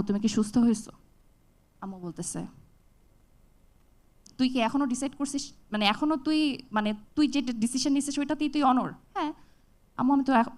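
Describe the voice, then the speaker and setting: A young woman from Bangladesh giving a talk on stage, telling a personal story with lively acted-out dialogue. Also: high voice. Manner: animated, acts out dialogue with shifts in voice. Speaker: TEDx speaker.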